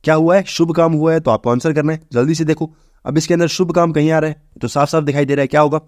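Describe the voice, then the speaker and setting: A young man teaching exam vocabulary, briskly asking and answering his own questions. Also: on the high side, fairly even intonation, a little mellow, dry recording, studio quality. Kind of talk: exam-prep vocabulary lesson.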